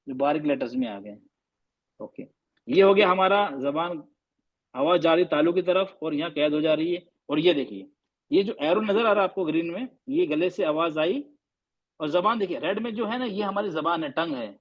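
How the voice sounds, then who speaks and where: A man's voice: fairly high pitch, lo-fi sound. A man teaching a class on pronouncing Arabic letters, patiently repeating and quizzing his students.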